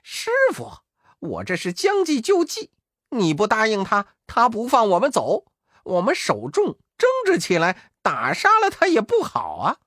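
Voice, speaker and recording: A man voicing a cheeky, boastful male monkey king who cackles and talks in quick bursts. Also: high-pitched, wildly swooping pitch, a bit bright, dry recording, studio quality, voice pushed up, heavily acted.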